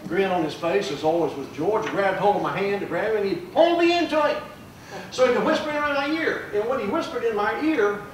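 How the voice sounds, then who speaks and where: Older judge, folksy eulogy, fairly high voice, far from the mic in a booming room. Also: male voice, brisk, few pauses, slight background noise. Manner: folksy, warm storytelling with fillers. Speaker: judge giving a memorial tribute. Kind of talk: public memorial speech. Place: large room at a plaque dedication. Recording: echoey room, mic from afar.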